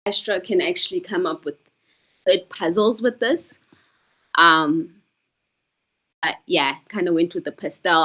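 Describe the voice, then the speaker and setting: A woman's voice: lowish voice, fairly bright tone. A woman game developer explaining her puzzle game in a casual chat, patiently, with many ums.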